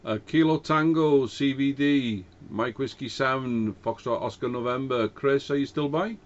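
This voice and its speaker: Speaking at a moderate pace in a mid-range voice, a man makes casual ham radio contact in a hesitant, courteous manner. His cheap dynamic microphone feeds a radio link that sounds dull and lo-fi.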